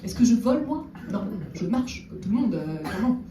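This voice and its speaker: A woman doing a stand-up comedy set on stage, chatting with the audience and slipping in deadpan ironic asides. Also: mid-range voice, fairly quick. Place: theater stage before a live audience. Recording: roomy echo, distant mic, audible room noise.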